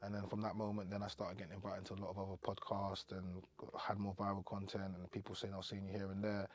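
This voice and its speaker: A young man from Cameroon, talking as a podcast guest in relaxed, rambling chat with plenty of fillers. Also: deep voice, fast talker. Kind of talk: casual interview chat.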